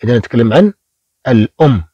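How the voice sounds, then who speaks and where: A man teaching beginner French in Arabic, repeating each French word slowly, syllable by syllable. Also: medium pitch, expressive, husky, no echo, lo-fi sound.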